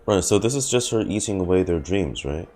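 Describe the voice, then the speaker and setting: A man with a deep, warm voice streams a game, reacting casually and musing aloud to himself in a live playthrough. He talks fairly quickly with lively intonation while faint game music plays behind him.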